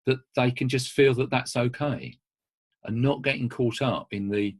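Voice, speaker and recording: Husky man, mid pitch, casual anecdotal speaker on a video call who restarts his sentences often. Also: moderate pace. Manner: conversational, anecdotal, with frequent restarts. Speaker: speaker working with children. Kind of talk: informal talk with stories.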